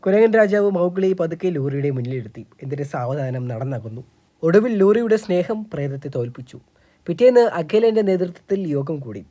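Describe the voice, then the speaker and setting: A narrator reads a cartoon story aloud in a scripted storybook style. The delivery is steady and dramatic, and the voice sits at an ordinary middle pitch. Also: a little fast.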